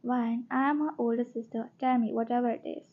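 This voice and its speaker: A haughty young mafia queen, bossy and arrogant, who makes threats, as a woman reads her. The voice sits high for a woman. The storybook audio is dull and lo-fi. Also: fairly even intonation, a little fast. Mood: threatening.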